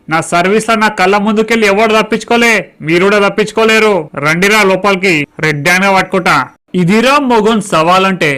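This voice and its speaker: In a crude comic skit, a male performer trades brash banter full of swearing, his voice high-pitched and sharp.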